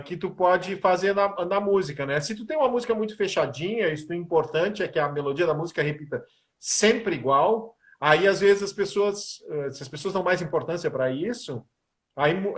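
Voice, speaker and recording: Animated man, composer. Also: on the high side. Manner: animated storyteller, sings snippets of lyrics. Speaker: musician and composer. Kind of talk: casual interview talk.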